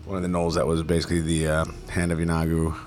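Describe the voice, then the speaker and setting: Low-voiced rambling game master man. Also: completely flat delivery, quick pace, a little mellow. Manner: loose, rambling, many fillers. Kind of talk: casual recap to players.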